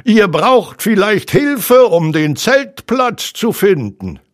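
A man's voice: sits high, sing-song, slow, pitched above the performer's own voice, exaggerated voice. A man voicing a helpful male owl calling out from a tree. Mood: friendly. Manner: loud, calling out.

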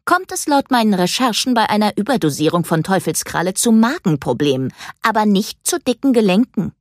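A woman's voice: mid-range voice, sing-song, a little fast, no echo, clean studio sound, voice pushed up, lightly acted. A woman doing an eager know-it-all girl.

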